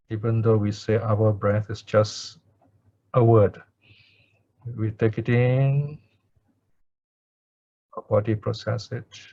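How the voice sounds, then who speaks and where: The speaker is a Buddhist teacher whose voice runs on the low side, leading chants and a guided meditation. He keeps a calm, even pace broken by pauses, though the audio itself is dull.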